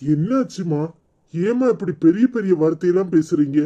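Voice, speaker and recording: A woman doing a meek, deep-voiced father. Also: animated, normal speed, dark tone, dull audio. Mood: pleading. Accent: Tirunelveli Tamil. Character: bride's father, middle-aged man, meek and polite.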